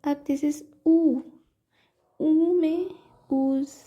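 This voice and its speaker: A woman teaching English pronunciation in a mix of Hindi and English, sounding out example words slowly and checking in with her listeners as she goes. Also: sits high, fairly even intonation, mellow. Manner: explains step by step, slows right down to sound out example words; checks in often with "ठीक है" and "okay". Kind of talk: classroom lesson, mixing Hindi and English.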